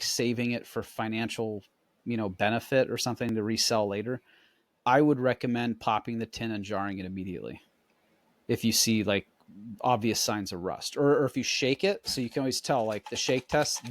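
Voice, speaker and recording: A man co-hosting a podcast, chatting in a relaxed, explanatory way and demonstrating as he talks. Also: medium pitch, a little fast, no echo. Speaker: podcast co-host. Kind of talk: casual chat.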